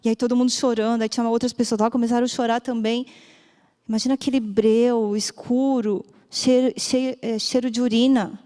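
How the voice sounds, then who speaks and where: Brief: Brazilian woman doctor, emotional church testimony, fairly high voice, long hall reverb. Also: flat delivery, brisk, dark tone. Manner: emotional storytelling, rises and drops.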